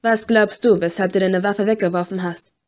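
A woman's voice: mid-range voice, steady tone, normal speed, lightly acted. A woman voicing a sly, smug male ghost in a skull in an audiobook reading, with a whispery touch. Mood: musing.

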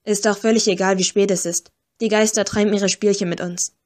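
A steady, authoritative young leader of ghost hunters, voiced by a woman reading the audiobook. He speaks a touch lower and softer than the narration, keeping his team in line with a level head. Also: fairly quick, lightly acted. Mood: calm commanding. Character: young male ghost-agency leader, calm, commanding.

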